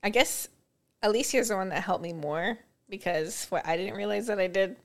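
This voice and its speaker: A woman's voice: medium pitch, normal speed, gravelly. A woman hosting a podcast, chatting casually and thinking aloud in a reflective way. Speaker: podcast host.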